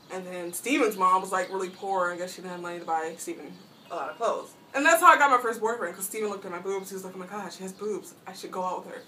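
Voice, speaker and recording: A young woman vlogging from home, telling a long rambling story and saying "like" constantly. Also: bright, forceful tone. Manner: rambling, says "like" constantly, mimics friends in high voices. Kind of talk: casual storytelling. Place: at home, painting her toenails. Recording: distant mic, faint background hiss.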